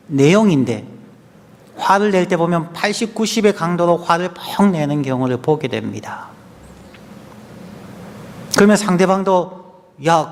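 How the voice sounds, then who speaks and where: A male pastor preaching an earnest sermon in a church, swinging between strong stresses and hushed, almost whispered phrases. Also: high-pitched. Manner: earnest preaching, rising and falling between loud stress and soft near-whispers. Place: church sanctuary. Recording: long church hall reverb.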